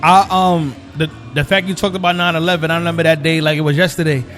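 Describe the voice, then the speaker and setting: A man's voice: a little high, steady tone, fast talker, a bit bright, soft background music. Laid-back New York host man. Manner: laid-back, affirming with short backchannels. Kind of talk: casual interview.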